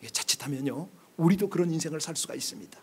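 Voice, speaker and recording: High-voiced pastor preaching with urging questions. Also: male voice, animated, quick pace, husky. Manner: preaching with repeated rhetorical questions; swings between quiet, low asides and loud, pressing emphasis. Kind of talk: sermon. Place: church sanctuary.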